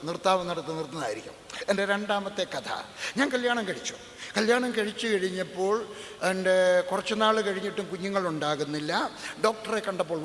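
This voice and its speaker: A man from Kerala delivers an emphatic, repetitive sermon in a fairly high voice, dropping in humorous asides. He is recorded in a church hall with a long, roomy reverb and a faint hiss behind him. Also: fairly bright tone. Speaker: preacher.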